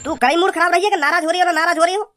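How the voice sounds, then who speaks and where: A woman's voice: extremely high pitch, fairly even intonation, very fast, heavy background noise. A woman voicing a rude, cocky young village man with a blunt, mocking manner. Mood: annoyed.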